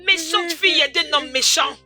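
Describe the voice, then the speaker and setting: A woman's voice: very high-pitched, moderate pace, pushed and bright, faint music behind, heavily acted. A woman playing a spiteful young woman who mocks and threatens with scorn, in a dubbed film drama. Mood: scornful. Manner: mocking, scornful taunts. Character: spiteful young woman, cruel taunting bully.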